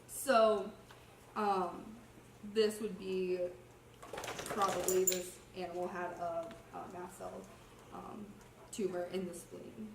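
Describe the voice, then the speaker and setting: A woman's voice: fairly low pitch, level tone, slow pace. A young adult woman who is sick with a cough gives an informal slide presentation as a student, explaining casually and a little hesitantly. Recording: roomy, distant mic, faint noise.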